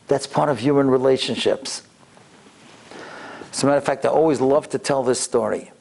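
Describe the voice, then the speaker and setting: A man's voice: medium pitch, normal speed, creaky, a little mellow. A man giving an anecdotal, inspirational religious lecture as a rabbi, acting out dialogue and repeating words for emphasis.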